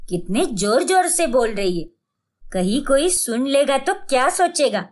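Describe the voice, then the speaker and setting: A woman's voice: high voice, big pitch swings, unhurried. A woman voicing a strict, traditional mother-in-law who gives orders and scolds in a cartoon story. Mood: scolding. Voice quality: scolding, commanding.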